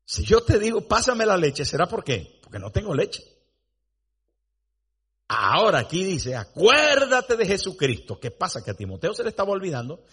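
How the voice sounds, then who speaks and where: Emphatic high-voiced man preaching. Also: wildly swooping pitch, moderate pace, fairly bright tone, breathy edge. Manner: dramatic storytelling, rising to emphatic declarations. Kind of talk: sermon.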